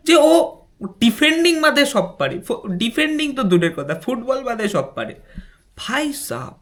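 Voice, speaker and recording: A football reaction vlogger, reacting to a match in an excitable, slangy chat that swings from hushed asides to yelling. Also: medium pitch.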